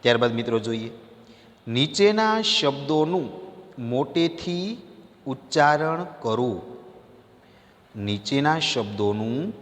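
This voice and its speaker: A man teaching a recorded school lesson, repeating each word and its meaning and addressing his students as friends. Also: mid-range voice. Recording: long hall reverb.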